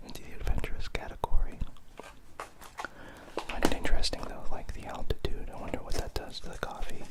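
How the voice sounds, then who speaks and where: A person whispering softly in a breathy, unvoiced hush, musing casually and a little hesitantly as the host of an ASMR product unboxing. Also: brisk.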